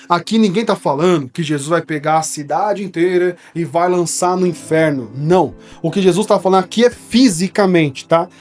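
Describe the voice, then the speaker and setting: A preacher from São Paulo, Brazil, with a paulistano São Paulo Portuguese accent, explains a Bible verse in a studio. His voice is high-pitched with a darkish tone, and his teaching style is conversational, often checking in with his listeners.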